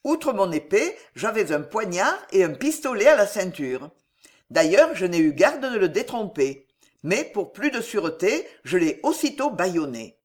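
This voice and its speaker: An audiobook narrator reading a French adventure novel in an animated storytelling manner. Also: medium pitch, normal speed.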